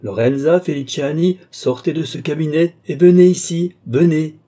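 Male narrator as a phlegmatic count who commands, husky, dark tone. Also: mid-range voice, moderate pace, close to an everyday voice. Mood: forceful. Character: cool, domineering male count, mesmerist. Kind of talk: audiobook character reading.

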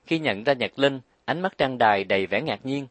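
Calm male audiobook narrator, dry sound. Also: mid-range voice, moderate pace, no echo.

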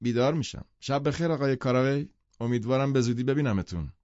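A man narrating an audiobook who voices an aloof young sportswoman, speaking in a brisk, detached and offhand way. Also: medium pitch, darkish tone, no room sound, muffled recording, voice pushed up, lightly acted.

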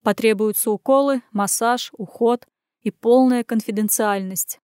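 A woman reading an audiobook, voicing a tired, calm, polite married man who speaks apologetically. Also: fairly high pitch, unhurried, clear, resonant tone, dry recording, clean studio sound, close to an everyday voice.

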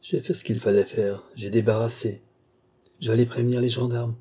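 A man's voice: mid-range voice, flat delivery, normal speed, warm tone, breathy edge, lightly acted. A man reading an audiobook, voicing a bitter village woman who killed her husband, harsh and taunting.

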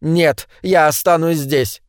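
A man's voice: a little high, takes it slowly, clean tone, no room sound, clean studio sound. A man reading an audiobook, voicing a drunk, hysterical woman who screams in desperation. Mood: defiant. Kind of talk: audiobook character voice.

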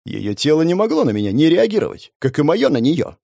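A male narrator reads a first-person story with a lively, sardonic delivery and a slightly raised voice. His pitch jumps around animatedly from line to line. The sound is close and dry. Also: a little fast, creaky, no echo. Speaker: audiobook narrator.

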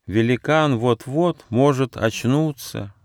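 A man voicing a wounded, wise old female turtle in a storybook, speaking slowly. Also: medium pitch, dry recording, studio quality, voice pushed up. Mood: urgent.

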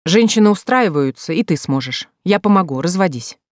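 A narrator voicing a calm, stern older brother who lectures in a level tone in an audiobook. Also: medium pitch, fairly quick, no echo, studio quality, natural voice.

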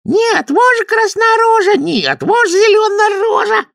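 A man's voice: very high voice, sing-song, measured pace, gravelly, a bit bright, no room sound, clean studio sound, voice pushed up, exaggerated voice. A man reading a storybook and voicing a chorus of mocking female swamp sprites in a squealing, sing-song voice. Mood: teasing. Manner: mocking, playful.

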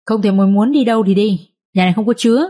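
A woman voicing a stern, furious older village father who barks harsh scolding at his family, in a husky voice. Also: mid-range voice, quick pace, dark tone, lightly acted.

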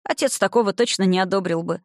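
A woman narrating a first-person novel in an expressive, emotional reading voice. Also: mid-range voice, fast, no echo, studio quality. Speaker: audiobook narrator.

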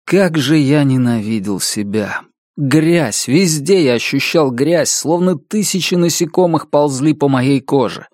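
A man narrating a first-person story in a grave, measured way. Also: fairly high pitch, lively intonation, a little mellow, no room sound, clean studio sound.

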